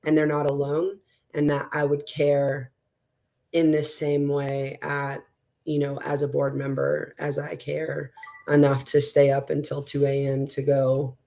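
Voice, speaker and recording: A school board candidate from West Texas, a woman with a raspy, strained voice, rambles through a relaxed interview as a guest, full of fillers and restarts. Her voice sits low and unhurried, and the recording quality is poor.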